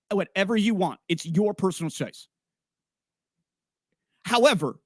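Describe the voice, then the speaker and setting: A man's voice: sits high, dry recording, clean studio sound. A man co-hosting a podcast in casual chat, blunt and profane, rambling with restarts. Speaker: podcast co-host.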